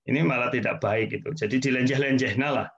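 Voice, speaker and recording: A man giving a relaxed religious lecture, explaining points repetition and friendly asides. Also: mid-range voice, fast talker. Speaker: Islamic teacher. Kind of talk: casual sermon lecture. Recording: dull lo-fi sound.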